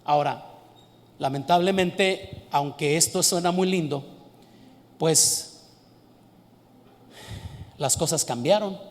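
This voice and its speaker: A man preaching a sermon earnestly, repeating key words slowly for emphasis. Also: fairly high pitch, in a large hall.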